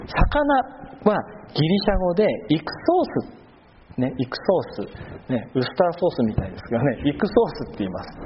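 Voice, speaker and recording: A male pastor giving a sermon, patiently explaining and pausing with long drawn-out fillers between phrases. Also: medium pitch. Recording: muffled with steady background noise.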